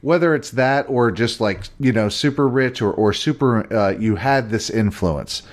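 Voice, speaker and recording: Blunt, swearing Virginian podcast host. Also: male voice, mid-range voice, moderate pace. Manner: blunt, swears, poses questions. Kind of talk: casual chat.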